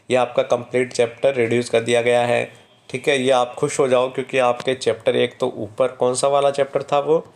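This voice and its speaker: A male teacher walking students through a syllabus, reading topic names slowly and explaining quickly in between. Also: mid-range voice. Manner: reads English topic names slowly, explains in fast Hindi; repeats "ठीक है" to check in with students. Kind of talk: exam syllabus walkthrough.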